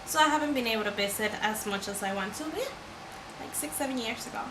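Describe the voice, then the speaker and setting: A woman from Venezuela chatting casually on a vlog, giggly and animated. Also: on the high side, fast, echoey room, background noise. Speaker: vlogger. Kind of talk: casual chat.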